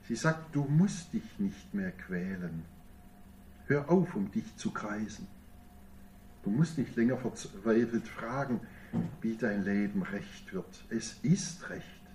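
Male pastor, sermon, dark mellow voice, measured delivery with emphatic peaks, distant mic. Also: fairly low pitch, lively intonation, slight background noise.

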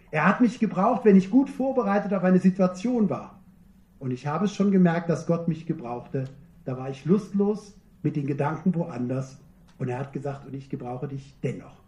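A man preaching a sermon, earnest and emphatic, slowing down to repeat key phrases. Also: fairly high pitch, warm tone, echoey room.

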